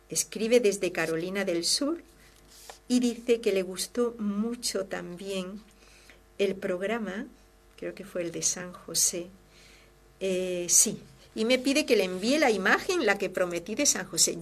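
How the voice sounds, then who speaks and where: Religious sister, host, fervent and expressive, reads listener mail warmly. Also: female voice, mid-range voice. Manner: fervent, expressive, swings from loud to hushed. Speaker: religious sister hosting a devotional program. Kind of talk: devotional talk and reading listener letters.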